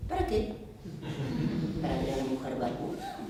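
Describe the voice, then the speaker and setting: Una actriz con acento argentino que interpreta a Olga, una esposa recatada de mediana edad entregada a su marido, en un monólogo teatral expresivo que imita sonidos. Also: female voice, a little slow, recorded from a distance. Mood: firm. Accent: Argentine Spanish. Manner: expressive, mimics sounds and shifts pitch for emphasis. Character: Olga, a prim middle-aged wife devoted to her husband. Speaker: stage actress in a one-woman play. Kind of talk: theatrical monologue. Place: theatre stage. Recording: echoey theatre recording from afar with music.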